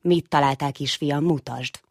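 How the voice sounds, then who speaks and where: A woman's voice: low-pitched, no room sound, studio quality. A woman voicing a patient but firm father mouse who warns his sons. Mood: fatherly. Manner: gentle, strict when warning.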